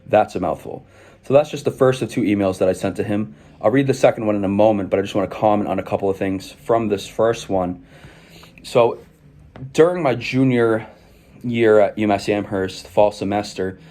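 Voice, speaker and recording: Young male, low voice, articulate personal storyteller reading aloud and explaining. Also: moderate pace, warm tone. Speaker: video creator recounting own past.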